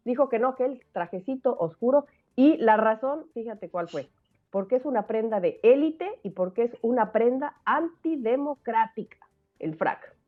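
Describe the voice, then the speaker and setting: A woman giving chatty, lively radio commentary. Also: fairly high pitch, normal speed. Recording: tinny phone line.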